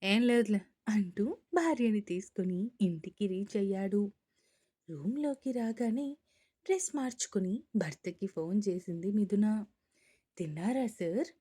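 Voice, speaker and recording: Woman storyteller, romance narration, husky, dark tone. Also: medium pitch, unhurried. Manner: reads all characters' lines in her own voice, mostly even narration.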